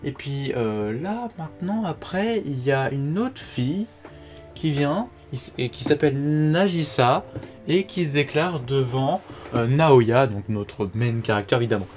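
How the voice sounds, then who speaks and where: A man's voice: medium pitch, a little slow, faint music behind. A young man casually reviewing seasonal anime, slangy and full of fillers, sometimes swearing, reading plot summaries aloud. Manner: informal and slangy, many fillers, occasional swearing; reads synopses aloud in a flatter voice. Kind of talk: casual video commentary.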